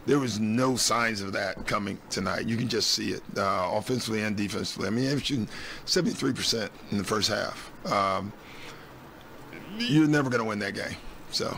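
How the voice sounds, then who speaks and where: A man's voice: fairly low pitch, a little fast, vocal fry, fairly bright tone, a little hiss or hum. A man in his sixties, a head coach answering reporters at a postgame press conference on a desk mic, blunt and matter-of-fact with frequent ums. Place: team press room. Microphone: desk mic on stand.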